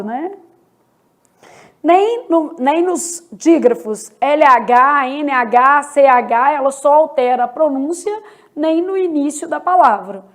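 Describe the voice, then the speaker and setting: A high-voiced Brazilian woman teaches a grammar lesson for exam prep. She works at an unhurried pace and lets each point land. She often asks the class a question and answers it herself. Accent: Brazilian Portuguese. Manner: slow and deliberate, asks and answers own questions. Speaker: Portuguese teacher.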